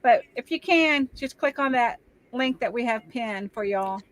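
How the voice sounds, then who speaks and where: Bright, high-voiced woman hosting a live chat. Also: expressive, measured pace, rough recording. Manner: laughs easily, addresses viewers directly. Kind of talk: casual live-stream chat.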